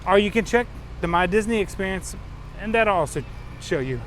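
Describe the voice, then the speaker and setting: A man's voice: sits high, lively intonation, a little fast. A man hosting a casual travel vlog, chatting encouragingly as he walks. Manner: encouraging, chatting while walking. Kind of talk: casual walk-and-talk chat. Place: outdoors, walking along a resort path. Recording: outdoor city ambience and vehicle noise.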